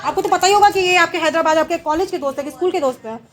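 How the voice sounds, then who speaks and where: A woman's voice: very high voice, rapid-fire, fairly bright tone. A young woman in a heated family dispute, insistent and pleading, repeating her points again and again. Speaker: wife in a marital dispute. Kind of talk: heated argument. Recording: echoey room with a crowd around.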